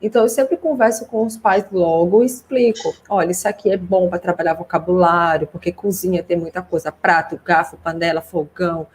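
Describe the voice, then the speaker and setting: A woman's voice: lowish voice, fairly even intonation, brisk, few pauses, darkish tone, slight background noise. A woman host and speech therapist giving a casual, reassuring consultation over a video call, talking freely with lots of fillers. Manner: chatty, reassuring, many fillers like "né".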